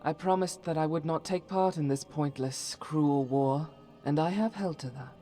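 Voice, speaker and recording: A voice actor for a game companion, a woman plays a devout, solemn holy warrior in a fantasy game, delivering dramatic scripted dialogue in formal, archaic, earnest phrases. Her low, mellow voice is lightly acted at a moderate pace, solemn and regretful in mood, with soft background music.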